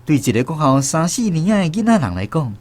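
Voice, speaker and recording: Reflectively recalling a village childhood as an adult, an actor with a Taiwanese accent narrates a first-person radio drama with music underneath. He talks fast in a sing-song, medium-pitched, darkish voice that stays close to everyday speech.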